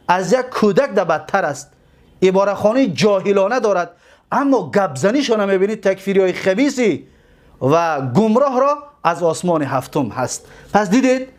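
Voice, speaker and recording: A man with a Tajik accent teaching a grammar class. He explains slowly, repeats words and keeps asking his students questions. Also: high-pitched.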